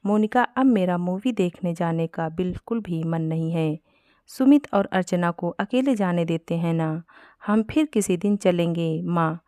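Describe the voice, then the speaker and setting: A woman voicing a caring husband in a Hindi storybook reading, gently scolding with concern. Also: lowish voice, a little slow, no echo, studio quality, lightly acted. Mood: calm. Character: caring husband, older brother.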